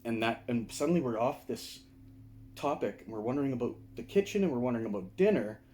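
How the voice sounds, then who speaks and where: Mellow-voiced man teaching meditation. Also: mid-range voice, expressive, fast talker, slight background noise. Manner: conversational, explains with frequent "right?" and "okay?" check-ins. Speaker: meditation and martial arts teacher. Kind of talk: casual video lecture to camera. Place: indoors, seated.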